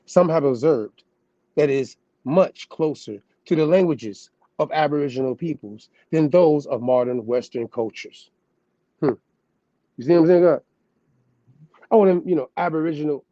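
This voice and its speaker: Laid-back slangy man, mellow dull sound. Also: mid-range voice, no room sound. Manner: loose slangy asides, calling the listener "God". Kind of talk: casual talk mixed with reading aloud.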